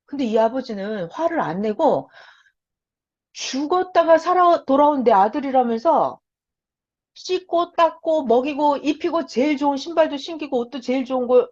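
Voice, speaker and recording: A woman teaching a lecture for beginners, telling a story with animation and putting questions to her listeners, on a lo-fi recording. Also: high-pitched. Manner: animated storytelling, quizzing the audience. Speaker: Bible teacher. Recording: lo-fi dull recording.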